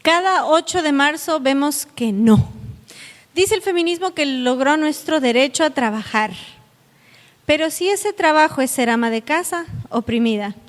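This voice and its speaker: In an echoey conference hall with long reverb, a South American woman gives a public lecture at a normal speed. Her high voice has lively intonation, and she talks to her listeners earnestly and directly.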